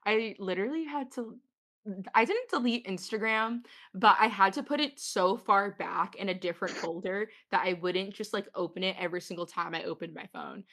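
A woman's voice: medium pitch, moderate pace, fairly bright tone. A young woman hosting a podcast, chatting casually with friends in a bubbly, giggly way. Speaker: podcast host.

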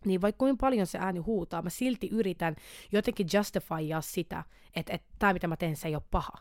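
A woman's voice: on the low side, dry recording, studio quality. Candid young woman on a podcast. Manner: animated, restarts and repeats words, mixes English words into speech. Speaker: podcast host. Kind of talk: candid personal podcast monologue.

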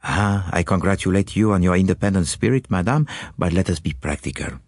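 Voicing a precise, courteous, fussy foreign male detective who sprinkles in French phrases, an audiobook narrator speaks fairly quickly in a low register. The studio sound is clean, without echo.

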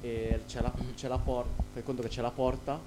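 A young man in casual podcast chat, telling a childhood story in an animated, slangy way with many restarts. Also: medium pitch, normal speed, loud music behind the voice. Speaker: podcast co-host. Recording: noisy with a steady hum.

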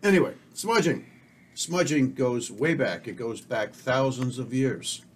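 A man's voice: mid-range voice, lively intonation, unhurried. A middle-aged man co-hosting a podcast, chatting casually in a rambling, self-assured, opinionated way. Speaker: podcast co-host. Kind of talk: casual chat.

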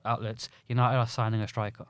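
A man's voice: mid-range voice, flat delivery, a little fast, no echo. A man with an urban London accent arguing football casually, in an insistent, slangy way. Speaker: football podcast guest.

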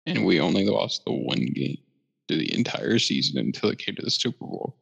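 A man's voice: sits low, very animated, brisk, gravelly, husky. A man co-hosting a casual sports podcast, laid-back, swearing and laughing as he talks. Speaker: podcast co-host. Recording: roomy echo, dull lo-fi sound.

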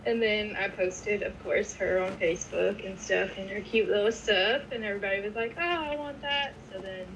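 A woman's voice: mid-range voice, moderate pace, a bit bright, slight background noise, low-quality recording. A woman co-hosting a podcast, telling an anecdote in casual chat and laughing as she goes. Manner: chatty, laughs through anecdotes. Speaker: podcast co-host.

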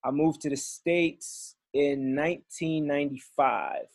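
A man's voice: fairly high pitch, unhurried, vocal fry, slightly rough, dry recording, clean studio sound. Easygoing man. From Belgium and Congo. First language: French. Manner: friendly, easygoing storytelling. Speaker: guest musician. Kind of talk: casual podcast chat.

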